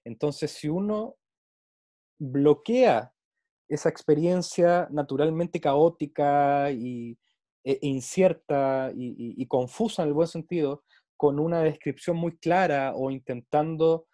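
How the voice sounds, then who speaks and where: A man's voice: on the high side, slow, mellow, no room sound, studio quality. A man in reflective casual conversation, speaking earnestly and at length, often doubling small linking words as he builds his thought.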